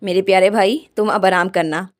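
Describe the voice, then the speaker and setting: A woman's voice: medium pitch, steady tone, brisk, lightly acted. A woman voicing a stiff, awkward adult male duke in a storybook retelling. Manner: hesitant, formal.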